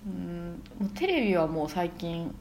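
Lively low-voiced woman illustrator guest. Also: moderate pace, a little hiss or hum. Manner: relaxed, musing, many soft fillers. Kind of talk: casual podcast chat.

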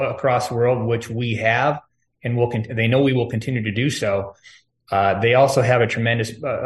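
A man speaking as an interview guest, giving long-winded, urgent, unscripted warnings in a conspiratorial political vein. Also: mid-range voice. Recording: echoey room.

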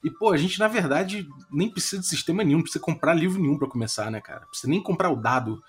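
A man's voice: a little high, lively intonation, very fast, breathy edge, soft background music. A man with a Brazilian Portuguese accent hosting a podcast in an informal, slangy, chatty way. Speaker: podcast host.

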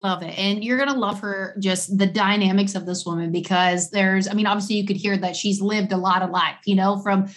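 A woman's voice: medium pitch, steady tone, fairly quick, hardly any pauses. A woman hosting a podcast interview, talking in a bubbly, enthusiastic way. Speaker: podcast host.

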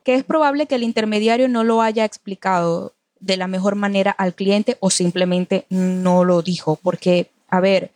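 A woman's voice: medium pitch, fairly even intonation, normal speed, hardly any pauses, a little mellow, no echo. A Venezuelan woman from Maracaibo, a copywriter, chatting over a call, thinking aloud with restarts and little laughs. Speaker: guest copywriter. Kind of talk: casual conversation over a call. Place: at home in Spain. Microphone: video call.

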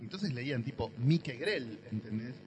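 A man's voice: medium pitch, animated, measured pace, a crowd in the background. A middle-aged Argentine man, a guest in a casual podcast chat, who explains at length with asides and tag questions. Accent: Argentine Rioplatense.

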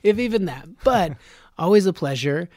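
A man's voice: high voice, animated, moderate pace, a little mellow, no room sound. A man hosting a podcast in a studio, talking in a casual, rambling way and laughing often. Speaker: podcast host.

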